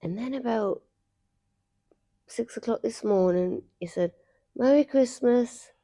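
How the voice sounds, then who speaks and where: Woman, mellow and creaky, chatting casually. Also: mid-range voice, a little slow. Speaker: partner recounting the night. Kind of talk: casual bedroom chat, telling an anecdote.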